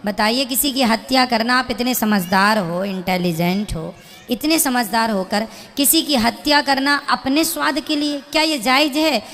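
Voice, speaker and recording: A woman's voice: on the high side, moderate pace, a bit bright. A woman preacher lecturing a listener with pointed rhetorical questions, speaking plainly and morally. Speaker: spiritual preacher. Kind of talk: preaching to an audience member. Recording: long hall reverb.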